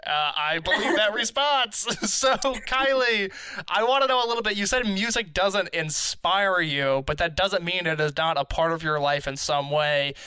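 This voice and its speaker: A male podcast host with a high, bright voice chats casually with his guest and cracks wry jokes. The sound is close and dry, with no room echo. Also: lively intonation, normal speed, clean tone. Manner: wry, joking, chatty. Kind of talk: casual interview chat.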